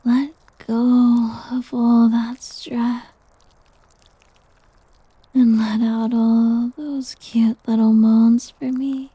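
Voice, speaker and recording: Woman doing a slime creature asmr roleplay, teasing soft whisper, super slow and even. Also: a little high, dry recording, full character voice. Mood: doting whisper. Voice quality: breathy. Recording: dull lo-fi audio.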